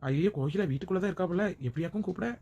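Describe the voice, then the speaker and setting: A bold, outspoken village woman, sharp-tongued and joking, played by a woman. Her voice sits somewhat low and she speaks very fast. It is a village comedy skit. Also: breathy edge, lo-fi sound.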